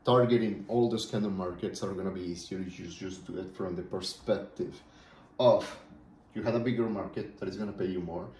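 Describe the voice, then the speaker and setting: Speaking a little fast, a Colombian small business owner vlogger meanders through his business plans in a casual monologue, repeatedly asking "right?" His voice sits low and is a little mellow, and he is a native Spanish speaker with a Colombian accent. There's a little hiss or hum and a roomy echo.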